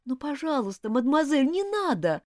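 A woman doing a high, pleading young schoolgirl. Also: wildly swooping pitch, normal speed, no echo, studio quality. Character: earnest, flustered young schoolgirl. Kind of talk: audiobook character voice.

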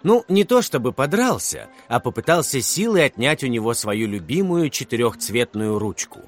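A man reading a children's story aloud as narrator, expressive and animated. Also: medium pitch, normal speed, faint music behind.

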